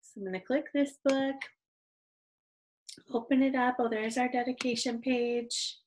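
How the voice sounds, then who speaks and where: A woman's voice: a little high, fairly even intonation, a little slow, a little mellow, slight background noise, poor audio. A young adult woman teaching an online reading lesson to young children, patient and encouraging, on a computer microphone.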